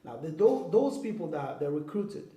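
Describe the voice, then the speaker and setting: Sing-song in delivery, his voice runs on the high side with a dark tone and a normal pace. The Congolese guest from Kinshasa explains things earnestly in this interview, checking in with "okay?" and "you know what I mean?", and the recording carries a roomy echo.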